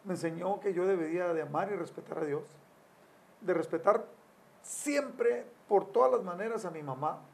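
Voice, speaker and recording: Gravelly older man telling family stories. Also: sits high, moderate pace. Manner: storytelling, acts out quotes with raised voice. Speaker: family counselor guest.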